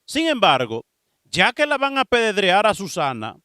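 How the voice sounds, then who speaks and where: A man's voice: sits high, normal speed, clean tone, dry recording, studio quality. A priest preaching a sermon, telling Bible stories and speaking straight to his listeners. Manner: preaching with lively storytelling, acting out dialogue; addresses listeners directly.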